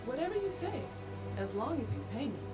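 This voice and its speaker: Cocky, animated mercenary archer woman. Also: high voice, fairly quick. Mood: impatient, sassy. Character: cocky mercenary female ranger archer, impatient, money-minded. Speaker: game unit voice. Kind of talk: video game unit barks. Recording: loud game music over the voice.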